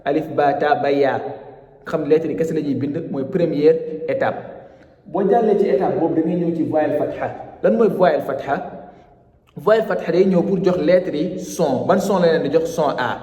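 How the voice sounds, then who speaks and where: A man gives a step-by-step reading lesson, mixing French and Wolof. His voice sits a little high yet sounds dark and mellow. The room rings with a long, echoing reverb. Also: normal speed. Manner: patient, repeats and spells out each step. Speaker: Quran reading teacher.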